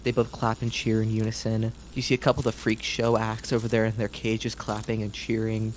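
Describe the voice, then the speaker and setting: A man narrating as dungeon master for a tabletop game in a relaxed, descriptive way. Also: on the low side, a little fast, slight background noise.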